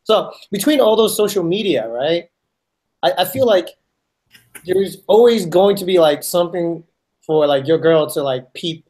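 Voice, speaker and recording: A man's voice: sits high, lively intonation, measured pace, a little mellow. A man co-hosting a podcast, asking loose questions full of fillers in casual chat. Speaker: podcast co-host.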